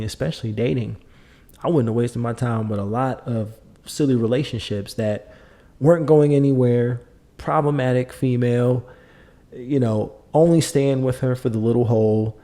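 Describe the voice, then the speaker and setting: Middle-aged male podcast host; mid-pitched, warm dark timbre; emphatic, repetitive, lecturing delivery. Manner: emphatic, lecturing, repeats points. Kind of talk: opinionated monologue.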